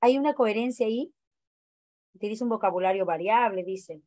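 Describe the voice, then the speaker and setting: A woman's voice: mid-range voice, fairly quick, warm tone, no echo. A woman teacher leading an online training class, explaining exam answers and asking the group questions. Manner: questioning, explanatory, many fillers.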